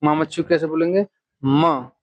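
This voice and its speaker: A man's voice: fairly high pitch, steady tone, a little slow, no echo, muffled recording. A man teaching children a phonics lesson, stretching out syllables and coaxing them to repeat after him.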